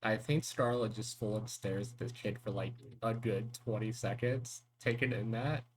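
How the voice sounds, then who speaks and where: Woman, tabletop player, casual, laughing, relaxed. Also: rumbling low, normal speed, breathy edge. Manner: casual, laughing, plays her character in first person. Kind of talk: tabletop role-play.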